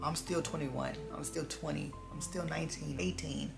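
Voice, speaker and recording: Over background music, a twentysomething vlogger confides in viewers in a casual, reflective and earnest way, repeating phrases to stress them. Their creaky mid-range voice keeps a fairly even intonation and a normal pace.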